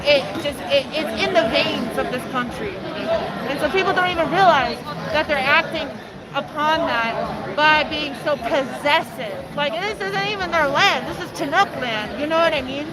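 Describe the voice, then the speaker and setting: High-pitched woman at a street protest, earnest, lots of ums, loud crowd all around. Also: moderate pace, low-quality recording. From Costa Rica. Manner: earnest, talks with fillers and restarts. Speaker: interviewee, protest medic. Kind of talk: street interview. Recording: loud crowd noise behind.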